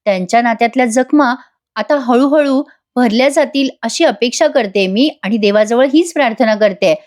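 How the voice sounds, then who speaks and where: A tender young wife from a TV serial, put on by a woman narrator, teasing her husband in a sing-song lilt. The voice sits a touch higher than usual and stays affectionate and playful. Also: normal speed, darkish tone, natural voice. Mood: earnest.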